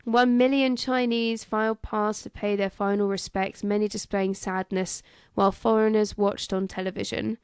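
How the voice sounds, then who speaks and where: A woman's voice: mid-range voice, little pitch movement, moderate pace, hardly any pauses, a little mellow, smooth, no room sound. A woman co-hosting a casual history podcast, reading from notes and joking and swearing between facts. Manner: jokey, giggly, swears. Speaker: podcast co-host.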